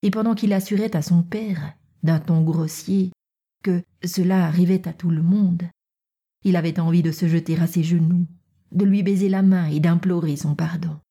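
Soft, breathy woman narrator. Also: on the low side, steady tone, normal speed. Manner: soft, often half-whispered reading. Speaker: audiobook narrator. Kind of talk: scripted narration.

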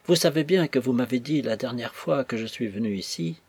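A man voicing a fearful young servant from a storybook, pleading and submissive, his phrases trailing off quietly. The husky voice sits dry and close. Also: mid-range voice, fairly quick, no room sound. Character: timid servile young male knife-grinder, fearful and pleading.

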